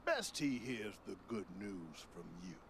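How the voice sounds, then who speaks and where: Stern formal official in a video game, slow careful talk, some background noise. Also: male voice, fairly low pitch, huge pitch swings, a bit bright, full character voice. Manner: formal, deliberate. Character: stern, formal male official, measured and dutiful. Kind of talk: video game character acting.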